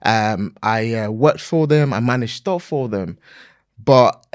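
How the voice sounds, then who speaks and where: A man, a podcast guest speaking earnestly and motivationally in a relaxed interview, often using fillers like "you know". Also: medium pitch, slow, clear, resonant tone, dry recording, studio quality. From Nigeria. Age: 40s. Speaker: podcast guest, property investor.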